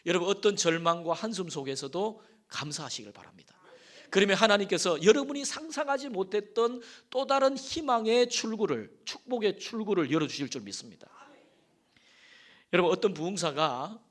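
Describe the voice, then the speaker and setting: A man's voice: high-pitched, animated, moderate pace. A man preaching a Sunday sermon in a church, swelling his voice for emphasis, asking the congregation questions and telling folksy stories. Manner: folksy storytelling with asides and affirming "yes". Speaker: pastor. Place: church sanctuary.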